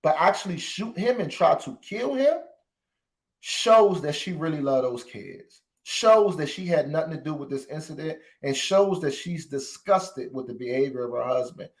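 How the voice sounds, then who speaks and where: A man's voice: fairly high pitch, animated, moderate pace. A man hosting a podcast, talking with emotion to his listeners and repeating phrases for emphasis. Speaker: podcast host. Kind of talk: impassioned commentary.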